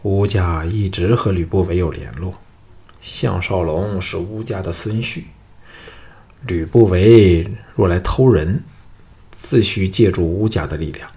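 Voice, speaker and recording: A man's voice: sits low, unhurried, warm tone. A man voicing a scheming, cruel male noble villain in an audiobook, with a cold, gloating, menacing delivery. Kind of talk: audiobook character voice.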